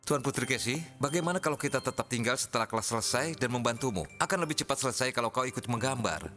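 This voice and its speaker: Man as quick-talking kindly schoolboy. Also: medium pitch, animated, music in the background, natural voice. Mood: kind, eager. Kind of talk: animated cartoon dub.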